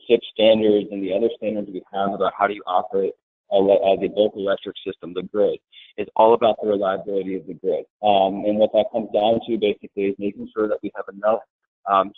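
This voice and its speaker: A man on a webinar panel, explaining grid security in a plain, steady way. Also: on the low side, quick pace, no room sound. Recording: tinny phone-like line, dry.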